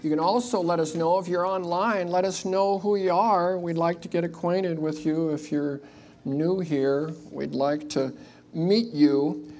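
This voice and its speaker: Church service leader, middle pitch, slow delivery, informal announcements and prayer, faint room noise behind. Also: steady tone, darkish tone. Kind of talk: announcements and spoken prayer to a congregation.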